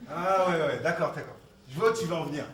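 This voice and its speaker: A man's voice: a little high, quick pace, a crowd in the background. A man in a comedy sketch dialogue, speaking in a blunt, teasing, matter-of-fact way. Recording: echoey room, distant mic, noisy.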